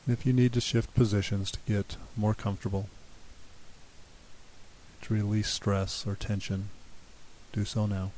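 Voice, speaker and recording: A man calmly leading a guided relaxation exercise in a soothing, unhurried manner. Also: lowish voice, low-quality recording. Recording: steady hiss behind the voice.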